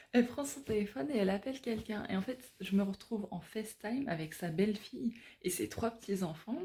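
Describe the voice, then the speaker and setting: A woman's voice: mid-range voice, mellow. A woman from France chatting casually in a travel vlog, telling stories in a rambling way with lots of fillers. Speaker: travel vlogger.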